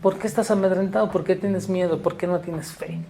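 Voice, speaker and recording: A pastor voicing a weary teacher gently scolding. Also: male voice, high-pitched, steady tone, fairly quick, slight background noise.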